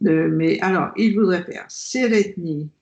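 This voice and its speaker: A woman's voice: fairly low pitch, measured pace, vocal fry, darkish tone. Hesitant woman learner, dull call audio. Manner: hesitant, thinking aloud as she practices. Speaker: language learner. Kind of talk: casual lesson chat. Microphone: video call.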